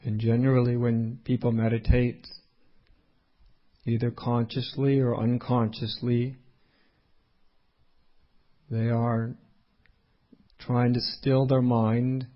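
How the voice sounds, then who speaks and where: A meditation teacher leads a guided meditation, speaking unhurriedly in short phrases separated by long pauses. His mid-range voice stays level, and the audio sounds dull.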